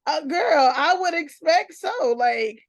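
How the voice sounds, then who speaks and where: Woman from South Carolina, interviewer, slightly high voice, chatty, familiar, dry recording. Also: lively intonation, takes it slowly, no echo. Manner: chatty, familiar, teasing, calls guest girl. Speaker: interviewer, magazine host. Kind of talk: casual interview chat.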